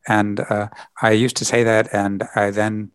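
A man being interviewed as a podcast guest, explaining his work thoughtfully with frequent pauses. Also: on the low side, level tone, clean tone, no room sound. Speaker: podcast guest, environmental lawyer. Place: lives in Britain.

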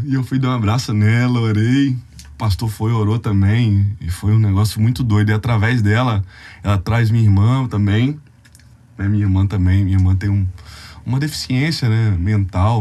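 A man's voice: lowish voice, moderate pace, mellow. A young Brazilian man, a youth ministry leader, telling a heartfelt, tearful testimony on a podcast in a casual, slangy way.

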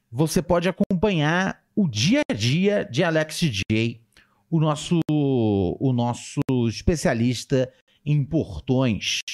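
A Brazilian man hosting a casual livestream podcast, answering his live chat with a playful, lively delivery. His pitch swings widely, and it jumps up whenever he reads out a viewer's name. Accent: Brazilian Portuguese. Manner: animated, playful, jumps in pitch when reading names.

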